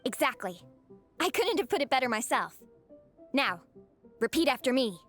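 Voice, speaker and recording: Encouraging young club member; high, lively read, light music bed. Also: female voice, moderate pace. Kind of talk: game dialogue.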